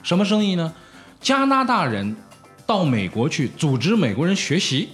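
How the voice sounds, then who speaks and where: A man hosting a casual football chat, telling stories in an animated way with laughing asides. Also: on the high side, normal speed, faint music behind.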